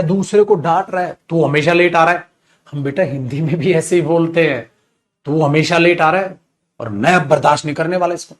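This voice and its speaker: Lively Hindi-speaking male English teacher. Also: sits high. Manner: calls students "beta", lively, acts out angry scolding examples. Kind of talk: live online grammar class.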